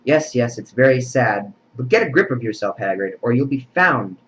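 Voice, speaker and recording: Guy doing a strict elderly witch professor, hushed scolding, faint hum, muffled audio. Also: medium pitch, expressive, normal speed, lightly acted. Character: stern older female witch professor.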